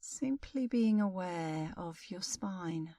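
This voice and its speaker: Leading a guided meditation, a middle-aged woman instructor speaks calmly and soothingly without hurry, leaving long pauses. Her voice is fairly low, and though she is recorded from afar, there is no room sound.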